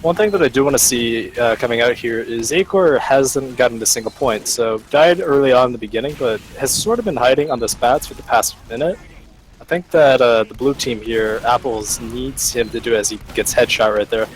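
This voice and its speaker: A male esports caster breaking down a live match, thoughtful and halting, with plenty of "uh" between phrases. His voice sits at an ordinary middle pitch, with faint noise in the background. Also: rough recording. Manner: analytical, hesitant, many fillers. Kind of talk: live play-by-play commentary.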